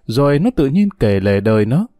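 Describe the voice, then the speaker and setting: Male audiobook narrator, warm, expressive, dry close read. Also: medium pitch, brisk, no room sound.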